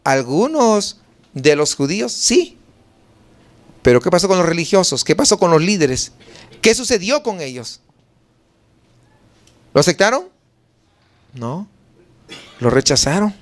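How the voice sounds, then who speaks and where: High-voiced Mexican pastor preaching. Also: male voice, sing-song, a little slow, long pauses. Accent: Mexican Spanish. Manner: rhetorical questions answered himself, emphatic preaching. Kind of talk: sermon.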